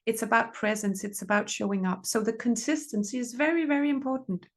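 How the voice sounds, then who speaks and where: A woman's voice: fairly high pitch, a little fast. A middle-aged woman therapist, giving earnest advice in conversation and repeating phrases for emphasis. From Denmark. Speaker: relationship therapist, podcast guest.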